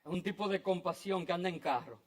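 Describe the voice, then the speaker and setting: A man preaching a sermon in a church, dramatic, swinging between loud outbursts and hushed, near-whispered lines. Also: high voice, fairly quick. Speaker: pastor.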